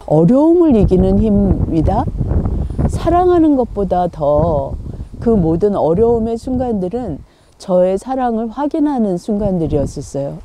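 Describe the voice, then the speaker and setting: A woman's voice: mid-range voice, noisy background. An older woman who heads a theater company, speaking reflectively in a documentary interview. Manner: reflective, measured, with pauses. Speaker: playwright and theater company head.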